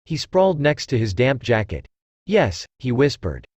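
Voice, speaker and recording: A man narrating a fan fiction story aloud in an expressive storytelling manner. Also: medium pitch, moderate pace, dry recording.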